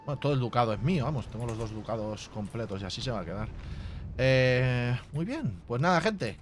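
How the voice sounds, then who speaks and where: A man's voice: medium pitch, lively intonation, a little fast, soft background music. A man giving casual, profanity-laced commentary while playing a strategy game. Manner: chatty, swears freely, reads game text aloud. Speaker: gaming youtuber. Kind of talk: casual let's play commentary.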